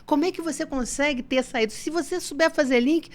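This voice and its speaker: A woman's voice: high voice, a little fast. A woman educator, making emphatic points in a casual podcast chat. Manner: emphatic, opinionated.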